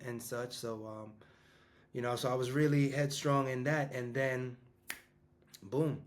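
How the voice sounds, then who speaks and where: A fifty-year-old man, a business coach talking casually to his audience in a rambling way, full of restarts and fillers. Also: medium pitch. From New York. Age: 50s. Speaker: business coach and school founder.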